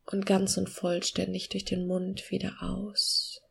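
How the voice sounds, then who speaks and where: A woman guiding a meditation in a soft, hushed, soothing near-whisper with long pauses and a breathy voice. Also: medium pitch, monotone. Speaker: podcast host guiding a meditation.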